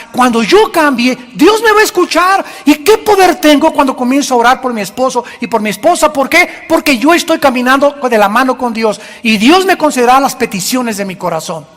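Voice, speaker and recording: A male pastor preaching a sermon in an animated way, acting out the church members he quotes. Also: very high voice. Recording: long hall reverb.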